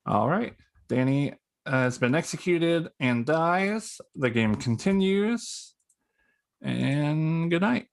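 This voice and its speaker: A man moderating a game, making brisk procedural announcements to the players. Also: a little high, expressive, vocal fry.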